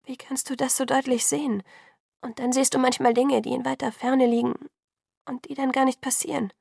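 A woman reading an audiobook, voicing an anxious young human woman who speaks in a hushed, breathy way. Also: sits high, little pitch movement, brisk, no echo, clean studio sound, pitched above the performer's own voice, full character voice. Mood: questioning. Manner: hushed and breathy, often half-whispered.

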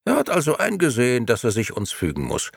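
A man doing a cold calculating grey gentleman. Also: medium pitch, wildly swooping pitch, fast, gravelly, breathy edge, no room sound, studio quality, voice pushed up, full character voice. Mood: smug.

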